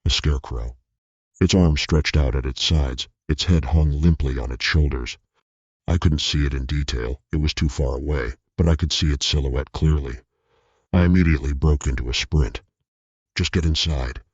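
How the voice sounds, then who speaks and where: A man narrating a scripted horror story in a steady, tense way. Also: rumbling low, normal speed, slightly rough, no room sound. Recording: dull lo-fi recording.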